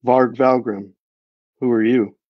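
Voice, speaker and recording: A man's voice: medium pitch, fairly even intonation, takes it slowly, no echo, lightly acted. A man reading aloud, voicing a weary, grumbling man in a tavern in his own voice, recorded on a dull, dry mic.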